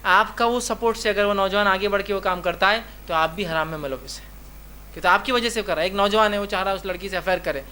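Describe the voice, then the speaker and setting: A man's voice: sits high, pushed and bright, a little hiss or hum. A man giving a religious lecture. He talks emphatically, keeps repeating "remember" and acts out short dialogues in his examples. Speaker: Islamic preacher.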